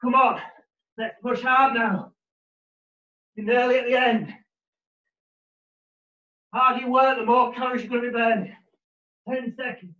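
In a living room, a trainer in his thirties exercises while calling out short, energetic gym-bro commands in live workout instruction. His very high voice is bright and forceful, with fairly even intonation, a moderate pace and frequent pauses. A far-off camera mic across the room makes the home audio roomy and muffled.

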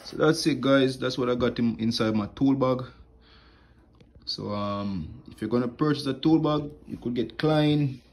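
In a mid-range, darkish voice at a moderate pace, a young HVAC technician casually goes through his tool bag at home. He explains each tool plainly, using fillers, while filming his hands with a phone held close above a wooden floor.

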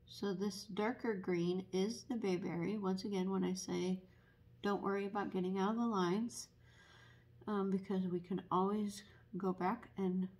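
A woman teaching barn quilt painting at a table in a casual, unhurried tutorial full of ums. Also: mid-range voice, darkish tone. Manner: unhurried, many ums, explanatory. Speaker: painting instructor and paint retailer.

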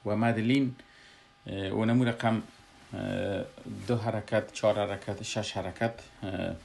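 A man with an Afghan Dari accent explaining a Quran recitation lesson, pausing often with filler sounds. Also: fairly low pitch, fairly even intonation, creaky, a little mellow, a little hiss or hum. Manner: halting, frequent filler hesitations.

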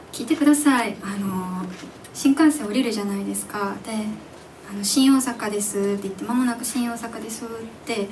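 Young woman, twenties, singer, stage chat with the audience, giggly, animated, higher-pitched, distant live-club recording. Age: 20s. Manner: chatty, giggly, animated storytelling. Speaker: singer-songwriter at her own live show. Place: live music venue stage. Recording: distant mic in a live club, faint background noise.

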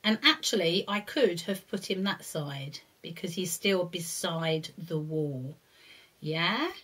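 A middle-aged woman presenting a lesson to young children with a puppet, speaking in simple, singsong, deliberate phrases with questioning tags. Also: fairly low pitch, a bit bright, slightly rough. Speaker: early years teacher presenting a puppet lesson. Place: indoors, seated before a brick-patterned backdrop.

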